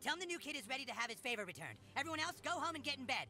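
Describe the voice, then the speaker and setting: A man playing a bossy, foul-mouthed, self-important boy leading a superhero gang in an animated comedy game. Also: very high voice, rapid-fire, creaky, faint music behind, heavily acted. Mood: commanding.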